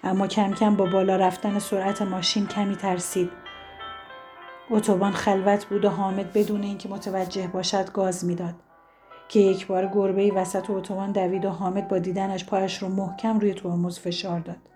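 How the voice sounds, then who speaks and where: Woman audiobook narrator, steady flat reading, mellow tone, faint music behind. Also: medium pitch.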